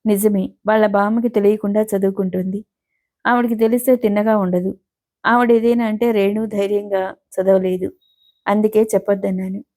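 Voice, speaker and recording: A woman's voice: medium pitch, little pitch movement, moderate pace, darkish tone, close to an everyday voice. A woman voicing a firm, caring woman of thirty who speaks directly in a storybook reading.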